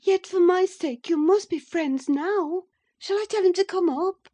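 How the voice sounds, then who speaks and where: A woman voicing an impulsive, excitable young lady of the house, speaking high and emphatic in a dramatized storybook reading. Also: measured pace. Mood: elated.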